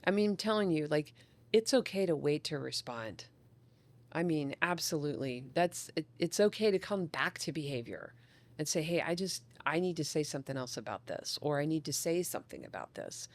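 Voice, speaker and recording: A woman child psychologist talking in a casual podcast conversation, an enthusiastic, animated storyteller who acts out the people she quotes. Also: deep voice, moderate pace.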